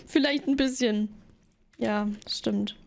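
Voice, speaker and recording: A young woman streams live and chats casually, flustered and giggly as she thanks her viewers. Her voice is high. She speaks at a slow, drawn-out pace. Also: vocal fry.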